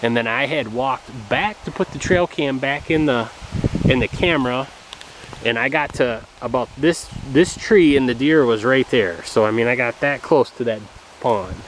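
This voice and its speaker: A man's voice: medium pitch, normal speed, a little hiss or hum, low-quality recording. Rambling man vlogging in the woods, out of breath. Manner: rambling, filler-heavy, chuckling. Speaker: family vlogger. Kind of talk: casual vlog talk. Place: outdoors in woods.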